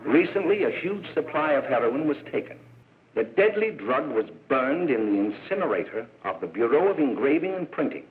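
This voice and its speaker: A man's voice: mid-range voice, big pitch swings, moderate pace, a little hiss or hum, close to an everyday voice. A man acting a stern middle-aged lecturer in an old 1930s film, speaking in a solemn, declamatory way to a meeting. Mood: grave. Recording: tinny old film soundtrack, crowd behind.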